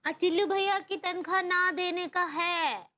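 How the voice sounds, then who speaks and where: A high, bright, naive young housewife. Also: female voice, steady tone, unhurried, exaggerated voice. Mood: earnest. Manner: naive, rustic, mixes up words. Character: sweet naive young housewife, innocent and earnest. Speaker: sitcom character. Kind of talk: sitcom acting.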